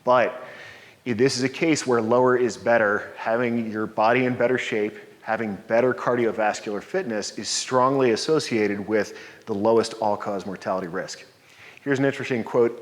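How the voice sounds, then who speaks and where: Man in his forties lecturing in a reverberant hall. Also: lowish voice. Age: 40s. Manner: explanatory, personal, upbeat. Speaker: presenter. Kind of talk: conference talk with slides. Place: dark lecture hall, standing at a podium. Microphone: podium mic from a distance.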